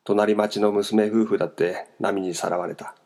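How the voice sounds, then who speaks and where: A man's voice: on the low side, little pitch movement, moderate pace, a little mellow, close to an everyday voice. A man reading a novel aloud, voicing a tearful young man who bitterly lashes out. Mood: pained. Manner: bitter, pained. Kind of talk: audiobook character voice.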